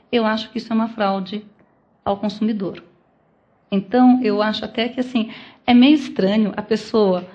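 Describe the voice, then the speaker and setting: A woman with a Brazilian accent delivers an academic lecture at a medium pitch, working through each point with questions she then answers herself. The recording is dull and lo-fi, like a captured lecture hall talk. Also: darkish tone. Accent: Brazilian Portuguese. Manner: explains step by step with rhetorical questions. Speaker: law lecturer.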